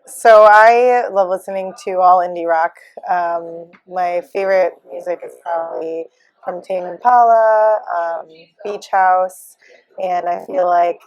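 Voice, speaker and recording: A woman from New York, the band's keyboardist and harmony singer, answering interview questions hesitantly with many pauses. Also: lowish voice, rough recording. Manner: hesitant, soft-trailing, slow.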